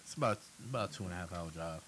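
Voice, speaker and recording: A man's voice: low voice, very fast. A man telling stories in a casual group chat, laughing often. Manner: animated storyteller, laughs a lot. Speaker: co-host.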